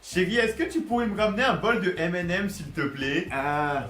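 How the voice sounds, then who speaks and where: High, animated man doing comedy sketches. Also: faint music behind. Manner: switches voices quickly between characters, shouting at times. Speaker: comedy sketch creator voicing all parts.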